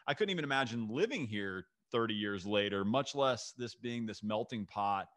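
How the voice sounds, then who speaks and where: Speaking into a boom-arm studio mic from a bookshelf-filled home office, this North Carolina podcast host in his thirties interviews a guest over video call, gushing eagerly and repeating himself often. His voice is fairly low, expressive and a bit bright, at a moderate pace, with dry, studio-quality sound.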